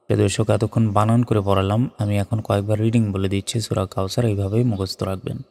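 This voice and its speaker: A man's voice: lowish voice, little pitch movement, fast, creaky, warm tone. A man teaching Quran recitation, patiently spelling out Arabic letters syllable by syllable. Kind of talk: instructional recitation lesson. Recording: long reverb with faint background music.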